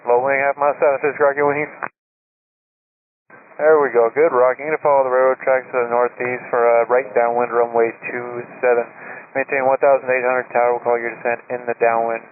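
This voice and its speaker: An air traffic controller gives clipped, directive instructions at a slightly fast pace, his mid-range voice showing little pitch movement. The sound is a tinny narrowband aviation radio transmission with static and clear radio noise in the background.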